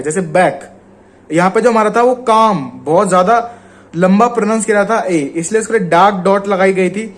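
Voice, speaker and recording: A shorthand teacher with an Indian Hindi accent gives a casual spoken lesson. His voice is fairly high for a man, and he explains patiently, drawing out the example words.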